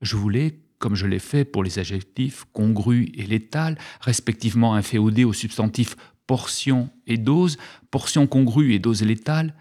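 A man's voice: medium pitch, normal speed, mellow. A man giving a comic radio chronicle in a mock-solemn, pompous manner, like a presidential address, with playful mock-learned wordplay. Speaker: radio humor columnist.

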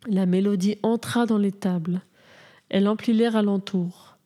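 A woman reading a Christmas storybook aloud in a measured, gentle way. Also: medium pitch, fairly even intonation.

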